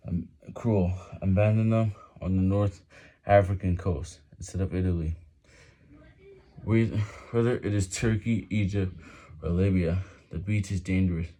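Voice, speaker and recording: A man reading a written text aloud haltingly and with effort while doing push-ups, with some background noise. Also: sits low, dark tone. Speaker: reader.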